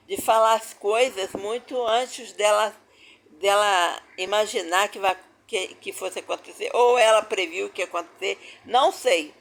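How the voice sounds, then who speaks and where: An older woman with a Brazilian accent telling her own family story as a personal testimony, stressing her points by repeating phrases. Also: mid-range voice. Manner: emphatic, repeats phrases for weight.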